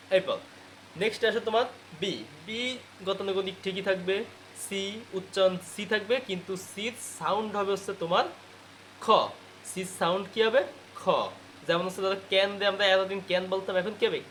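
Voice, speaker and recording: A man's voice: high voice, fairly bright tone, slight background noise. A man giving a spoken lecture on English pronunciation, asking each point as a question and answering it himself.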